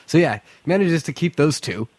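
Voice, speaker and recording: A man's voice: on the high side, lively intonation, normal speed, darkish tone, slightly rough. A man hosting a casual sports podcast from an attic, speaking bluntly and profanely with strong opinions. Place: attic of a house, recording in summer heat.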